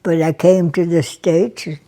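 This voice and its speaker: A woman over a hundred, raised in Brazil, recalling her years as an army nurse in an interview, speaking softly and haltingly with many pauses. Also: on the low side, little pitch movement. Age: over 100. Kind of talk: interview reminiscence.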